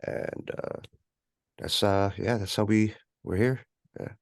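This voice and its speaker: A rapper and music producer from California talks as an interview guest in a lowish, slow voice with some vocal fry. His West Coast American accent comes through as he rambles in a laid-back way, dropping plenty of "you know." The recording is studio quality with no echo.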